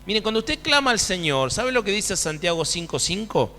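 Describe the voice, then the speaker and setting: A man preaching a sermon, asking the congregation question after question in an animated way. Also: sits high, normal speed, a little hiss or hum. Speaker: pastor. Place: church hall. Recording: church hall with long reverb.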